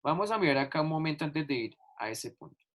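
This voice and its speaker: Explaining a lesson in an online class over video call, this male teacher has a fairly high, slightly bright voice and talks fast and animatedly. He patiently draws out the key words and goes over examples more than once.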